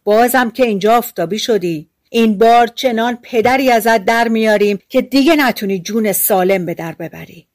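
A woman voicing a gang of rowdy, threatening male dwarves in an audiobook fairy tale, speaking loudly and mockingly. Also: fairly high pitch, natural voice. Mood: taunting. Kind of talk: audiobook storytelling.

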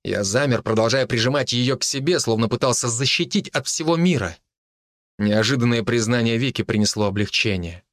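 A man narrating a first-person audiobook in a steady, earnest storytelling manner. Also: medium pitch, fairly quick, no echo, clean studio sound.

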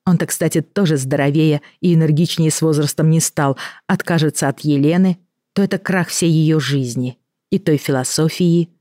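A man narrating a novel in a steady, measured reading. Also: fairly high pitch, no room sound, studio quality. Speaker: audiobook narrator. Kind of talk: scripted narration.

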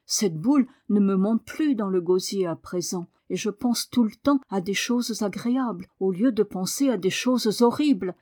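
A woman's voice: medium pitch, moderate pace, few pauses, mellow, lightly acted. A woman voicing a sickly, headstrong young boy in an audiobook, petulant and insistent. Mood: regretful. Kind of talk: audiobook reading.

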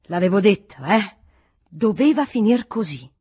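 A woman voicing a sweaty, irascible male monk who scolds loudly and indignantly. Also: mid-range voice, very animated, normal speed, breathy edge, no echo, studio quality. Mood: gloating. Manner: loud, scolding, indignant outbursts.

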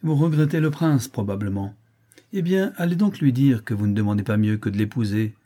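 A man's voice: expressive, fairly quick, mellow, close to an everyday voice. A man reading aloud voicing a haughty, furious old noblewoman who speaks with crushing scorn. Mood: scornful. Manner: scornful, shrill when enraged.

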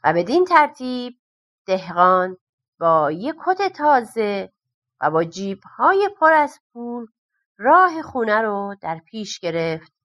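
A woman narrating a folk-tale audiobook in an animated, expressive way. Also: mid-range voice. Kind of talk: storybook narration.

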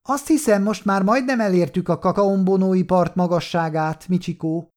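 A man's voice: sits high, a little mellow, voice pushed up, lightly acted. A man reading an audiobook who voices a young, defiant, scheming nephew that stammers when cornered. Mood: defiant, boastful.

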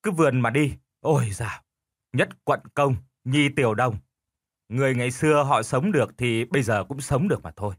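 A man's voice: medium pitch, lively intonation, a little fast, fairly bright tone, dry recording, clean studio sound. A man voicing a lazy, stubborn old village husband who argues back smugly. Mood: stubborn bickering. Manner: stubborn, quarrelsome.

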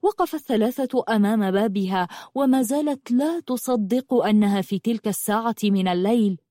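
A woman narrating an audiobook in an expressive, dramatic reading style. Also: fairly high pitch, fairly quick, no echo, studio quality. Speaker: storyteller.

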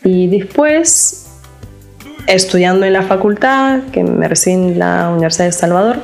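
Soft background music accompanies a Lithuanian-accented woman, a psychologist from Lithuania, chatting casually in an interview. Her fairly low voice has some vocal fry, and her speech is halting, full of word-searching and restarts.

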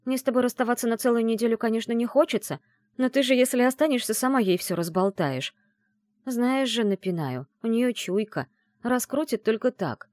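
A brash young student friend who grumbles and bosses, as a woman reader puts her on in an audiobook. The voice is pitched up, louder, and bounces with animated intonation. The recording is close and dry. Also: dry recording, lightly acted. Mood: grumbling. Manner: grumbling, bossy, quick to anger.

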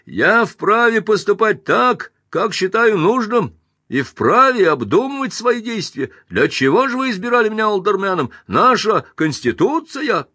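A man voicing a flustered middle-aged alderman who protests in a high, shouting voice before an angry crowd. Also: animated, normal speed, no echo, studio quality, full character voice. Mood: frantic protest.

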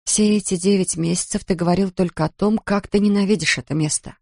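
A woman's voice: medium pitch, fairly even intonation, brisk, gravelly, mellow, dry recording, studio quality. A reader doing a weary, pleading mother. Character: tired anxious mother who is a doctor.

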